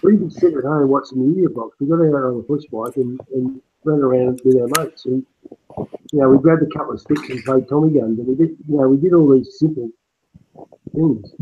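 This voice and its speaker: A man's voice: mid-range voice, a little fast. A man in his fifties chatting casually on an online call, his voice sounding like it's in an echo chamber, rambling and repeating words as he starts a point. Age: 50s. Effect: echoey, echo-chamber sound on the call. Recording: muffled, noisy online call audio.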